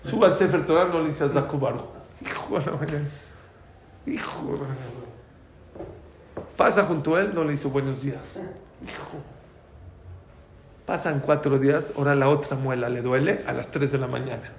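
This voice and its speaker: A man's voice: medium pitch, a little fast, roomy sound, a little hiss or hum. A man teaching a religious class, telling stories and asking his listeners questions, using Hebrew terms. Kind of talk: storytelling class lecture.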